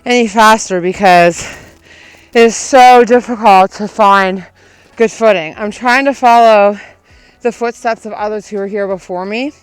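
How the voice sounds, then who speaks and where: A woman's voice: mid-range voice, measured pace, clean tone, dry recording, soft background music, rough recording. A woman vlogging casually and talking with effort while she runs outdoors. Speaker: running vlogger. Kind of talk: casual vlog talk to camera. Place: outdoors on a snowy road in falling snow.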